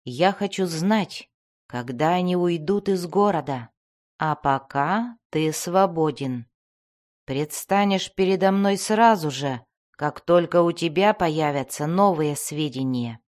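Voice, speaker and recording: A woman voicing a powerful male wizard who speaks slowly and in a measured, commanding way. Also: deep voice, lively intonation, a little mellow.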